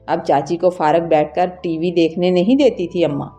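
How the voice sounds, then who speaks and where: A woman's voice: fairly low pitch, steady tone, mellow, faint music behind. A woman narrating an emotional first-person story in an earnest, scripted way.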